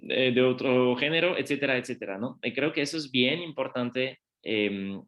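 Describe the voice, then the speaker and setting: A man with a middle-range voice gives a relaxed academic talk at a university panel, speaking as a non-native speaker. He reasons aloud, pauses to think, and keeps turning to the audience with quick tag questions. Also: mid-range voice, highs cut off. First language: not Spanish.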